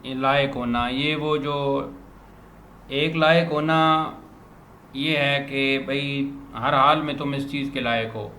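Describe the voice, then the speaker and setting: A man teaching a grammar lesson to a student, patiently repeating words slowly as a drill. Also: mid-range voice, fairly even intonation, bright, forceful tone. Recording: roomy echo, faint background noise.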